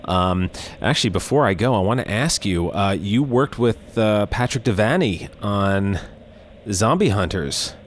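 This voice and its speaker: Deep-voiced man hosting a casual horror show. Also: lively intonation, a little slow, a little hiss or hum. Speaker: host of a horror-themed show.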